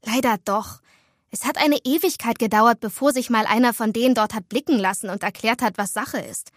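A woman voicing a lively, chatty teenage schoolgirl in a storybook, talking quickly and dramatically. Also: fairly high pitch, no room sound, studio quality, lightly acted. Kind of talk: storybook dialogue.

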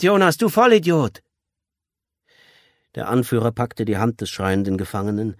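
A man narrating an audiobook in a measured, tense storytelling manner. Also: lowish voice, darkish tone, dry recording, clean studio sound. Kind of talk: scripted narration.

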